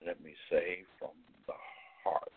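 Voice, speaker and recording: A man hosting a live show, talking in a warm, playful way with stammering restarts. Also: deep voice, little pitch movement, measured pace, vocal fry, husky. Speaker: radio show host. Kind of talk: casual live show chat. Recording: phone-line sound.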